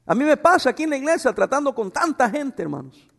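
A middle-aged man preaching a sermon as a pastor, animated, with humorous asides to the congregation. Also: very high voice, quick pace, vocal fry. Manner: animated, acts out voices in quotes. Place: church hall. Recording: long hall reverb.

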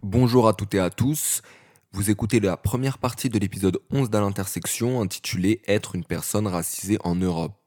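A man hosting a round-table podcast, introducing guests in a friendly, measured way with frequent fillers. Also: on the low side, darkish tone. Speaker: podcast host.

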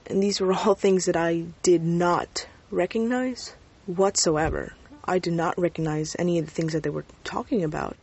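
A woman's voice: lowish voice, fairly even intonation, moderate pace, slightly rough. A woman in her twenties recording a casual, reflective personal audio letter from inside a bedroom closet. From United States, brought from Mexico as a child. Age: 20s. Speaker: university student exchanging audio letters. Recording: quiet closet home recording.

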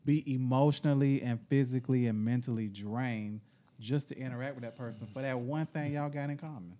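A man's voice: medium pitch, a little fast, mellow. A man co-hosting a casual podcast, teasing his friend and musing on life. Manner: teasing, playful, philosophizing. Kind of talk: casual chat.

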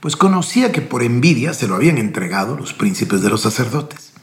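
Male preacher, gravelly voice with lively pitch, reading scripture emphatically in an echoey room. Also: a little fast. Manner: reads scripture with emphatic, rising delivery. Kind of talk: scripture reading and sermon commentary.

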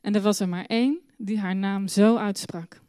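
A woman telling a Bible story to children in church, with a lively, expressive storytelling manner. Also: mid-range voice, moderate pace, smooth, no echo.

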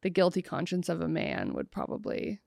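A woman's voice: fairly low pitch, big pitch swings, moderate pace, creaky, darkish tone, no room sound, studio quality. A woman in her thirties, a podcast guest chatting casually, blunt and jokey with free swearing. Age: 30s.

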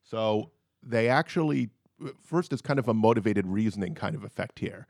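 A man on a political panel, making an analytical, measured argument. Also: lowish voice, expressive, darkish tone, dry recording, studio quality.

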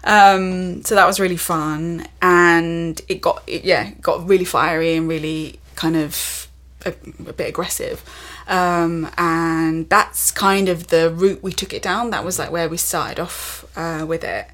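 A woman's voice: fairly low pitch, steady tone, measured pace, fairly bright tone. A woman actor, chatting as a guest in an interview and using lots of fillers. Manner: chatty, lots of fillers, rises into laughing asides. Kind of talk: casual interview chat.

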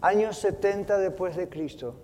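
High-voiced man preaching in a reverberant church. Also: slight background noise. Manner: earnest preaching, slowing and softening for scripture quotes. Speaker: pastor. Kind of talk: sermon. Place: church sanctuary.

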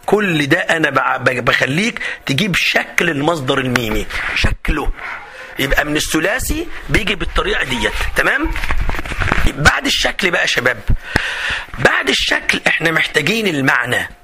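A man with an Egyptian accent teaching an exam review lesson in a lively, chatty way, acting out student questions. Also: fairly high pitch, fairly quick, noisy background. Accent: Egyptian Arabic. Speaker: Arabic teacher.

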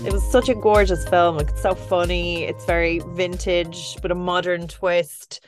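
A woman's voice: lowish voice, level tone, moderate pace, soft background music. A woman hosting a podcast, chatting enthusiastically with a guest. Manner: enthusiastic, gushing. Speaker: podcast host. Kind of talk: casual interview chat.

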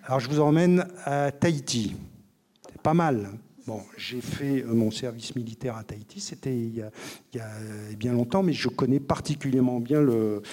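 A man's voice: mid-range voice, moderate pace, warm tone. Man in his role as a doctor explaining with lots of fillers, plain medium voice. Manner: didactic, many fillers and restarts. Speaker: liver doctor and author. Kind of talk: explanatory interview talk.

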